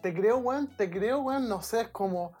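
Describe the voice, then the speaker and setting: A Chilean woman speaks in a somewhat high voice during a casual podcast chat. She is blunt and swears constantly, pressing her points hard. Faint music plays underneath. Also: unhurried, a little mellow, breathy edge. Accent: Chilean Spanish. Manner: blunt, profane. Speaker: podcast co-host.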